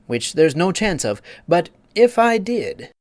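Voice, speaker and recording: A man's voice: sits high, sing-song, dry recording, pitched above the performer's own voice, full character voice. A man voicing a pompous, easily offended egg creature who lectures and takes offense. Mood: indignant. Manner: haughty, quick to take offense, lecturing.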